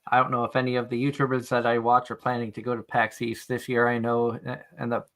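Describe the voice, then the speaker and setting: A man's voice: mid-range voice, monotone, fast talker, fairly bright tone, a little hiss or hum. A man hosting a live stream in casual chat, reading out comments from viewers. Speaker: stream show host.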